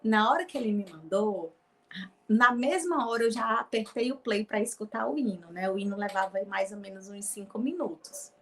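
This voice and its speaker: A woman's voice: medium pitch, moderate pace. A woman telling a personal faith testimony as a guest, acting out past conversations and often near tears. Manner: storytelling, acting out dialogue, frequent "né?" tags.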